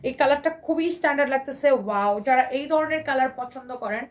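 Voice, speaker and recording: A hoarse woman with a Bangladeshi Bengali accent runs a live clothing sale, talking fast in a high voice with eager, repetitive selling lines. She sits a little off the mic, with faint room noise behind her. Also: far from the mic. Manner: enthusiastic, repetitive, mixes English phrases. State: hoarse from shouting. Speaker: live-sale fashion seller. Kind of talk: live shopping sales pitch.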